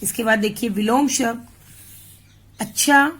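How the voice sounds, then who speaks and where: A woman tutor from India going through a grammar worksheet, reading words out slowly one by one. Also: on the high side, slight background noise. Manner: slow, deliberate, spells words out one by one. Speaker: home tutor. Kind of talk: explaining a worksheet.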